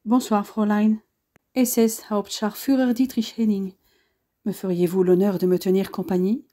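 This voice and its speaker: A woman's voice: medium pitch, level tone, moderate pace, mellow, lightly acted. A woman voicing a predatory male SS officer who speaks with false courtesy and grows pushy. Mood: courtly.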